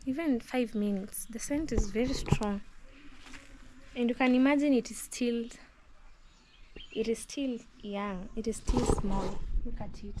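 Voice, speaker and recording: A vlogger walks through her garden, chatting casually, musing aloud, and admiring the plants as she records outdoors on a phone. Her voice is fairly high, and the rough recording picks up outdoor noise and birdsong.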